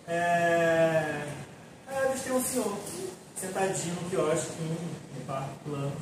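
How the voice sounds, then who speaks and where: A man with a Brazilian Portuguese accent playing a self-important, lonely doctor in a live solo stage monologue, telling his story in halting bits with asides to the audience. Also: on the high side. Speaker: stage actor in a solo play. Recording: echoey theater sound from far off, with noise.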